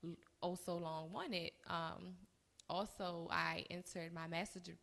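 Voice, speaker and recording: Woman, early 20s, podcast co-host, casual storytelling, gravelly fry. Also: fairly low pitch, fairly even intonation, measured pace, fairly bright tone. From United States. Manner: chatty storytelling with laughs. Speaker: co-host and business owner. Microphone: live-streamed recording.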